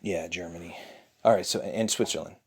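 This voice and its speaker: Adult man, relaxed father spinning a made-up bedtime story in a dark bedroom. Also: low-pitched, fairly quick, a little hiss or hum. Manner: relaxed, chatty storytelling with playful asides.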